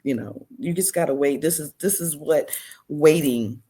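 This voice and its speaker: A middle-aged woman, a podcast guest, telling her testimony in an animated way and acting out the dialogue. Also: low-pitched, moderate pace, slightly rough. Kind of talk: storytelling testimony.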